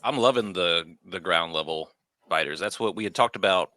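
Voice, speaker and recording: A man's voice: low voice, normal speed, pushed and bright, no echo. A man co-hosting a casual podcast chat in a laid-back, easygoing way. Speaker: podcast co-host.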